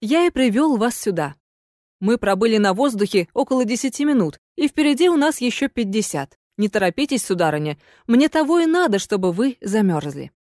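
A woman voicing a calm, mocking young male heir in an audiobook, cool and unhurried. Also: on the high side, no echo, studio quality. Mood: cold.

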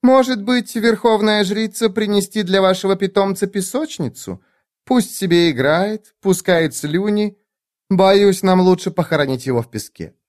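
A man voicing a haughty, sharp-tongued noblewoman sorceress who talks in a slow, mocking drawl. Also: high-pitched, pitched above the performer's own voice, close to an everyday voice.

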